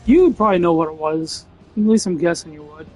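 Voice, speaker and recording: A man's voice: fairly high pitch, quick pace, darkish tone, faint music behind, low-quality recording. A man giving casual gameplay commentary as a gaming channel host, chatty, with joking asides.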